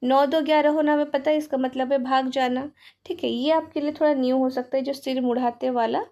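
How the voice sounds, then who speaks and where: A woman's voice: high-pitched, fairly even intonation, a little fast, darkish tone. A woman teaching a Hindi grammar lesson, mixing English into her explanations and giving example sentences. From Odisha, India.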